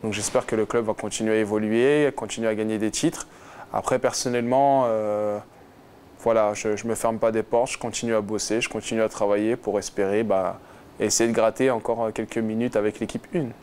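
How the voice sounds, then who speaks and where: A man's voice: lowish voice, steady tone, brisk, a little mellow. Hesitant young man, faint background noise. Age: 20s. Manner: hesitant, many fillers and restarts. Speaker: footballer guest. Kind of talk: casual interview.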